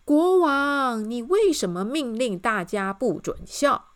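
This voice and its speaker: A bubbly, giggly young woman chirps and coaxes, as a storyteller puts her on. Her voice sits very high and bounces all over. It is a lively children's story. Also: moderate pace. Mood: cheerful.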